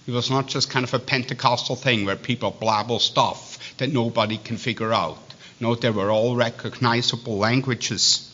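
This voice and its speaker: In a dull, lo-fi recording, a man with a Swiss accent preaches, reading scripture straightforwardly before wandering off into faltering digressions full of restarts and fillers. His voice is mid-range, bright and insistent, with fairly even intonation.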